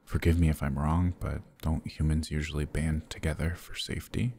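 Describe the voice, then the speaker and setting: Speaking at an extremely low pitch with a level tone, a man performs a courteous, brooding, protective vampire lord for intimate ASMR, with a little hiss or hum in the audio. He is gentle, formal and sympathetic, his husky words coming haltingly.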